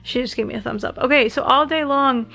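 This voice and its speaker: A woman's voice: high-pitched, brisk, vocal fry, pushed and bright, faint music behind. A young woman chatting casually to her vlog, groggy and rambling, her mouth sore and swollen after oral surgery. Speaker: vlogger.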